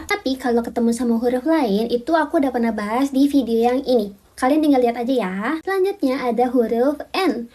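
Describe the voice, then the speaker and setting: Woman, high voice, mellow tone, casual video lesson, chatty teacher, repeats example words slowly. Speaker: Korean language teacher.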